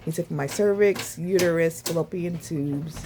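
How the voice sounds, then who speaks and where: A woman vlogging casually about her recovery, sore and short of breath, with a sore throat, talking haltingly with sighs and restarts. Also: fairly low pitch, noisy background. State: sore and winded after surgery.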